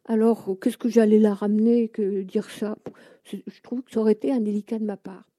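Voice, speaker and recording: An older woman from France, a guest in an interview, telling a personal story in an animated, hesitant way with many fillers. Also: medium pitch, fairly quick, no room sound, clean studio sound.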